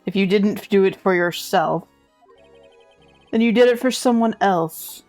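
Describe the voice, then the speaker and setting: A woman voicing a cool, formal young male prosecutor in a game playthrough, speaking in a measured way. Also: mid-range voice, darkish tone, faint music behind, natural voice.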